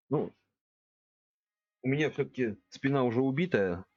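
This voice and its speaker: This man in his forties plays a game at his home computer, chatting informally with viewers, thinking out loud and addressing chat directly. His voice is medium-pitched with a breathy edge, recorded dry with the highs cut off.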